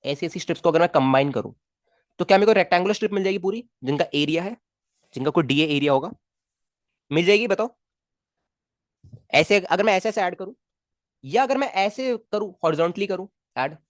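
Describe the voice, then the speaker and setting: A man's voice: high voice, dry recording, clean studio sound. A man teaching physics in a live online class, talking in a coaxing, repetitive way and checking in with students often.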